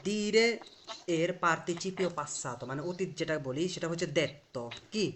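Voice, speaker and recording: A man's voice: fairly high pitch, a little slow, fairly bright tone. Man patiently drilling Italian pronunciation. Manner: explains patiently, drilling pronunciation and asking questions. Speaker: Italian language teacher. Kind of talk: live online class.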